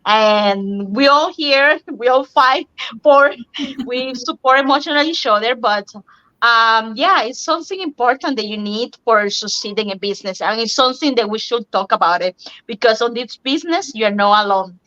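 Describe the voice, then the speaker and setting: A woman's voice: fairly high pitch, animated. A woman from Cuba, talking casually on a video call, often laughing and restarting her phrases. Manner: warm, laughing, halting phrasing. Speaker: nurse and online business owner. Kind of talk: casual group talk. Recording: dull lo-fi online call audio.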